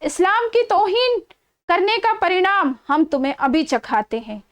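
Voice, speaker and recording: Lady reading as an angry judge barking orders, high and slow. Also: animated. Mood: furious. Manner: angry orders, shouted threats. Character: furious male Islamic judge, harsh and commanding.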